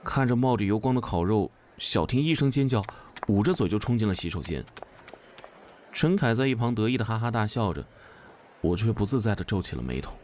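A man narrating a horror story in an expressive, suspenseful style. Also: fairly low pitch, brisk, slight background noise.

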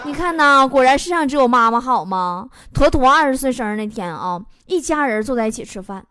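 A woman's voice: high-pitched, lively intonation, fairly quick, a bit bright, no room sound, studio quality. A young woman host with a Northeastern Chinese accent, reading funny listener stories aloud in a chatty, playful way and laughing between them.

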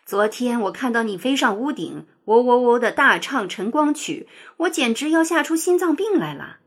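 A woman's voice: fairly high pitch, animated, moderate pace, slightly rough. A woman voicing an anxious, fussy old hen in a children's storybook, talking in a fretful, pleading way.

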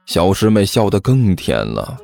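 A man narrating a serialized comic martial-arts story in an expressive, lively manner. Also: low voice, a little slow, creaky, faint music behind.

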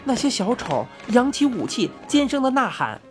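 Woman narrating a storybook, expressive, fairly high voice, faint music behind. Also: normal speed. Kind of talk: storybook reading.

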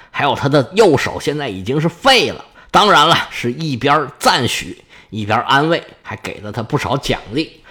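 A man telling a history story in a comic, chatty way, full of joking asides. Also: a little high. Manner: lively, joking asides, crosstalk-like banter.

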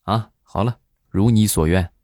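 A man's voice: on the low side, measured pace, heavy background noise. A middle-aged man hosting a joke show, telling funny stories in a monologue and acting out the voices in them. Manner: animated storyteller who acts out quoted voices.

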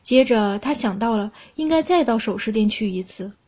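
A young woman from China reading a story aloud in a calm, even storyteller's manner. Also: a little high, normal speed, slightly rough, muffled recording. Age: young adult.

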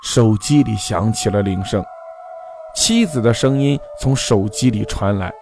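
A man's voice: lowish voice, unhurried, background noise. A man narrating a folk ghost story in a dramatic, scripted way. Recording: faint background music.

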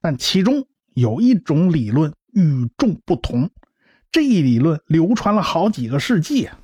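A man acts in a Chinese radio drama as a brash, lively scientist and science populariser, cocky and talkative, explaining and storytelling in a blustering manner. His on-the-high-side voice is sing-song, husky and dark-toned at normal speed, with clean studio sound and no echo.

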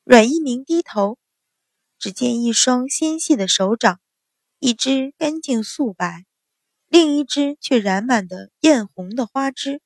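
A woman narrating a storybook in a steady, expressive way. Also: a little high, a little slow, no echo, clean studio sound. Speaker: audiobook narrator. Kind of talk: scripted narration.

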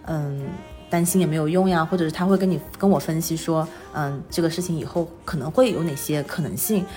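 Woman, 30s, interview guest. Quick, animated, self-deprecating storyteller, music in the mix. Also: deep voice. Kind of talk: casual conversational storytelling.

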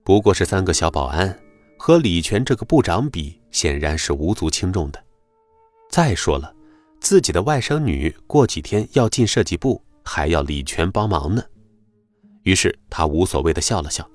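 A man narrating a web novel audiobook in an expressive storytelling manner. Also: low-pitched, moderate pace, no echo, faint music behind.

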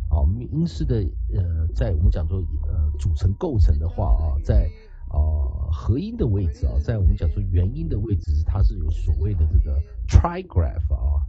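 Raised in the United States, this male English teacher gives a casual, chatty lecture on pronunciation in a lowish voice. He speaks Chinese sprinkled with English words and keeps asking his audience a rhetorical "right?" The recording sounds slightly dull, with faint music behind him.

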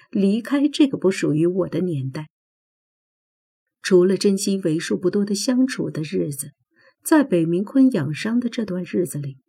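Husky, gravelly woman narrating a story. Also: lowish voice, warm tone. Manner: measured, reflective storytelling. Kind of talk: first-person audiobook narration. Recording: faint background music.

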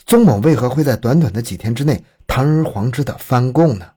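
A man's voice: medium pitch, animated, fairly quick, warm tone, breathy edge. A man narrating a scripted true crime story in a dramatic, suspenseful storytelling manner.

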